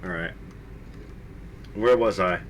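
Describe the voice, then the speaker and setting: A man's voice: deep voice, takes it slowly, slight background noise, rough recording. A man reading fan fiction aloud on a live stream, with mocking asides, frequent laughter and swearing. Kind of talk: casual comedic dramatic reading.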